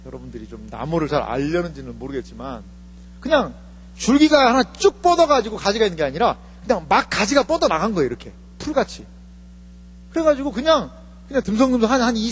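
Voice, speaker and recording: Pastor guy preaching, high voice, jumps all over in pitch, keeps quizzing the church, echoey hall. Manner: animated, asks the congregation questions. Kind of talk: sermon. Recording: reverberant hall with faint mains hum.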